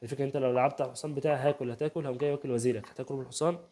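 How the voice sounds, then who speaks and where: Rapid-talking Egyptian man explaining chess. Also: mid-range voice, fairly even intonation, dark tone. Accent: Egyptian Arabic. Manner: rapid, chatty, keeps asking "تمام؟", voices players' banter. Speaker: chess youtuber. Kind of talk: casual chess game analysis. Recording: home setup, first video.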